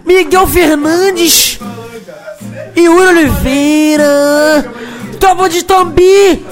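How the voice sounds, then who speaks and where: A man from Brazil, a DJ, rattling off crude, rowdy shout-outs over a mix, yelling names and laughing. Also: very high voice, extremely slow. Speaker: DJ giving shout-outs on his podcast mix. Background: funk music beat.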